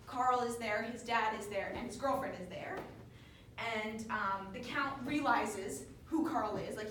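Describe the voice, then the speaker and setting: A woman's voice: on the high side, a bit bright. A young woman student chattily retelling a play's plot to her study group, with sarcastic asides and lots of fillers. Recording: echoey room, distant mic, faint noise.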